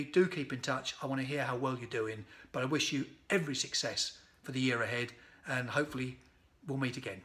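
A man in his fifties, a sales speaker, recording an energetic, punchy motivational message to camera in a sunny conservatory on a phone or webcam. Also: mid-range voice.

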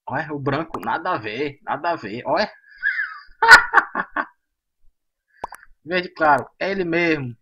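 Excitable gamer, bright voice. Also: male voice, on the high side, moderate pace, hardly any pauses, lo-fi sound, slight background noise. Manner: excitable, talks to himself, chatty asides to viewers. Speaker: gaming channel host. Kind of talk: casual gameplay commentary.

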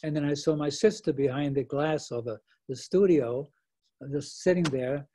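A man in his eighties from the Netherlands, speaking at a remote lecture in a halting way with many restarts and fillers. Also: a little high, fairly even intonation, dark tone, a little hiss or hum. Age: 80s. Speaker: Holocaust survivor speaker.

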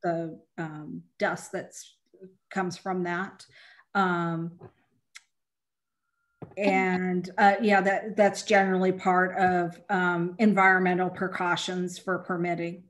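A woman on city staff answering council questions over a video call, halting and apologetic, with many "um"s. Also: fairly low pitch, level tone.

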